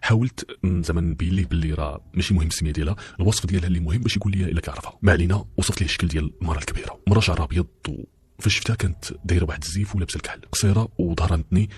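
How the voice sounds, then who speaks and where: A man's voice: deep voice, rapid-fire, a little mellow, slight background noise. A man with a Moroccan accent narrating a first-person story, confiding in his listeners and speaking to them directly.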